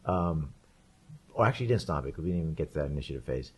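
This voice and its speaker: Low-voiced male podcast co-host, rambling animated storyteller, casual. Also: racing, breathy edge. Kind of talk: casual chat.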